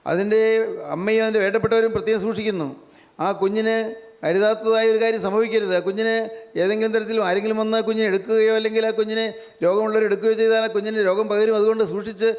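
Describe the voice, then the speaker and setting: A man preaching a sermon, emphatic and repetitive, sinking into hushed fervent prayer. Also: sits high. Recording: long hall reverb.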